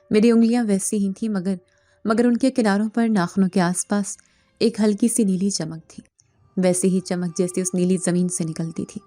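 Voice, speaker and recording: A woman narrating a first-person horror story in a slow, dramatic scripted style. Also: medium pitch, dark tone, no room sound. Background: faint background music.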